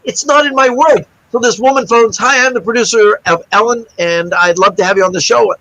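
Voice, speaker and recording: A middle-aged guest magician tells a story during a casual interview, his voice sitting high and moving a little fast over poor audio. He's an animated anecdote-teller who acts out the other people's lines himself.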